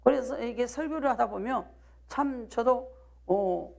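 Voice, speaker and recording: A woman's voice: a little high, unhurried, vocal fry, a little mellow. A woman pastor from South Jeolla with a Jeolla accent, preaching a live midweek sermon and pressing the congregation with rhetorical questions and calls of "do you believe?". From South Jeolla, Korea.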